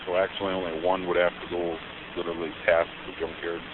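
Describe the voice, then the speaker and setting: Guy calling the sheriff about school buses, deep monotone, clipped tinny phone line, plain informal talk. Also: quick pace. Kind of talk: phone call to a sheriff's office. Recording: archived tinny phone call with hiss.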